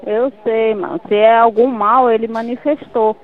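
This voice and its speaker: A woman's voice: on the high side, fairly even intonation, normal speed, phone-quality sound. Brazilian woman commanding a deliverance prayer. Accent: Brazilian Portuguese. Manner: forceful, commanding repetition. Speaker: church worker on a phone call. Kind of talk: deliverance prayer over the phone.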